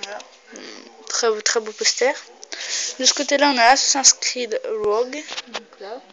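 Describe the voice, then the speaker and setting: A young woman hosts a casual home vlog in an unhurried, slightly high voice, hesitating with fillers and swearing freely. The recording is dull and lo-fi, with clear background noise. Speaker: video host. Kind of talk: casual vlog showing posters.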